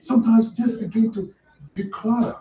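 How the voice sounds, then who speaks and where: A man's voice: extremely high pitch, steady tone, normal speed, mellow. A man giving a conversational teaching sermon at a ministry training, often checking in with "You understand?". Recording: echoey room, far mic, dull, crowd. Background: listeners murmuring agreement.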